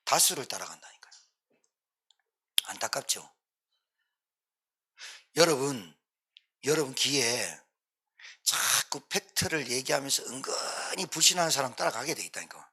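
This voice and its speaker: A man's voice: on the high side, pushed and bright, breathy edge. A male pastor preaching a sermon emphatically, repeating his points for stress and acting out pleading quotes.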